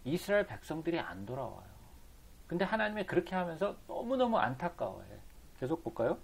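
A man's voice: fairly high pitch, sing-song, brisk, gravelly, slightly rough. A man teaching the Bible, reading scripture aloud and then asking rhetorical questions that he answers himself. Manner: reads scripture aloud between explanations.

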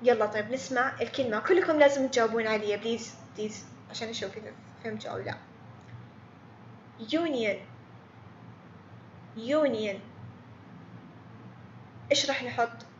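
A woman's voice: fairly high pitch, rapid-fire, few pauses, reverberant, lo-fi sound, a little hiss or hum. A woman teaching a beginner English grammar lesson online, patiently repeating words and quizzing students by name.

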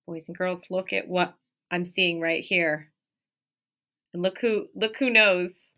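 The reader, an elementary teacher in her thirties, has a fairly low, steady voice that sounds pushed and bright, and she goes slowly. In a small indoor room by a window, she reads a picture book aloud expressively with asides, emphasizing key words and prompting the children with questions.

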